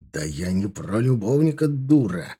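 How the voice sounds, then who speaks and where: A man voicing a furious middle-aged husband who hisses his words slowly and menacingly. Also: lowish voice, very animated, mellow, slightly rough, heavily acted. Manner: hissing, menacing, slow.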